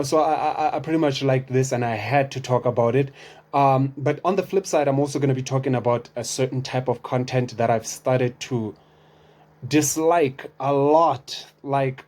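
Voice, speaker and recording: A young man riffs on online content in a loose commentary, with a voice sitting at an ordinary middle pitch. He talks in an expressive, chatty way, throwing out rhetorical questions and starting his sentences over as he goes. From South Africa. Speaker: vlogger reacting to online content. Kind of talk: casual commentary.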